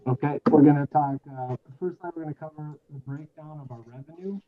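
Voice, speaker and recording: Muffled man, voice as if through a wall. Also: on the high side. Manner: halting, checking whether he can be heard. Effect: muffled and very quiet, as if through a wall. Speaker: finance director. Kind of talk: financial presentation on a video call. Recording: muffled lo-fi remote call audio.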